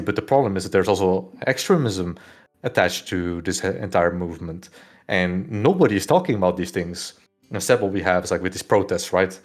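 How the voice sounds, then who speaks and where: Low-voiced Dutch man rambling on a podcast. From Netherlands. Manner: loose and rambling, heavy use of "like" and "right?". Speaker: podcast host. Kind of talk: casual podcast discussion.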